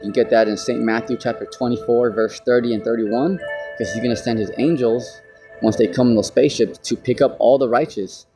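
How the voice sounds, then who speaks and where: A man's voice: medium pitch, fairly even intonation, fairly quick, music in the background. An American man teaching from the Bible in a casual, rambling way, often saying "you know". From United States. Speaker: street preacher.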